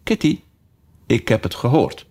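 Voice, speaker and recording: A man's voice: medium pitch, sing-song, measured pace, a little mellow, pitched above the performer's own voice. A man reading a storybook, voicing the young girl Alice as she chatters and scolds her kitten in a motherly way. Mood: playfully scolding. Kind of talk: storybook character voice.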